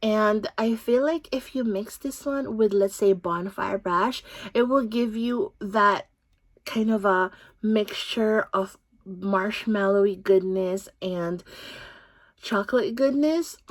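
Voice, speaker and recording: A woman's voice: medium pitch, takes it slowly, no echo. A woman with a Filipino accent, gushing in a chatty way through a casual fragrance review as a vlogger. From Philippines. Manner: chatty, gushing, frequent "like" fillers. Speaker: beauty vlogger.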